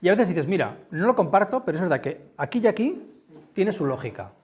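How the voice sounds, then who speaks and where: A man from with a big, booming voice gives a conference talk in a lecture room, speaking conversationally and often checking in with his listeners. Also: sing-song, fairly quick, a little mellow. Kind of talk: conference talk with audience questions.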